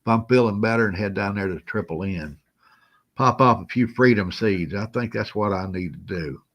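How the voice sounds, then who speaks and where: A man's voice: lowish voice, moderate pace, a bit bright. A man hosting a casual live stream, greeting viewers by name in a folksy, chuckling way while feeling a little unwell. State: feeling unwell, moving slow.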